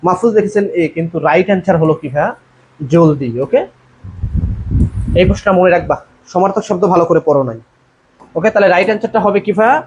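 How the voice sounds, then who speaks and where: Here a male admission tutor leads a live online session, reading comment answers aloud, calling students "bhaiya" and asking the group to answer. He has a high-pitched, somewhat dark voice and talks quickly, but with long pauses. The recording is lo-fi and dull, carrying faint noise.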